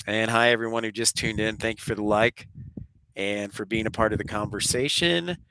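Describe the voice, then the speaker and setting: Live at the airport, an aviation spotter with a congested voice from a cold and sore throat welcomes viewers and chats casually on his stream. He speaks at a normal speed in a lowish voice, with background noise around him.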